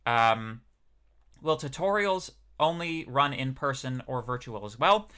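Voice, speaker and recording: A man's voice: mid-range voice, lively intonation, unhurried, sharp tone, clear, resonant tone. A young man, a PhD student teaching a university course, giving a casual livestreamed lecture in a chatty, rambling way with many fillers.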